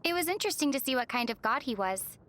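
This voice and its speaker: A woman voicing a gentle, thoughtful young traveller heroine in a video game, with a soft, measured, musing delivery. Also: sits high, expressive. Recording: music behind the voice.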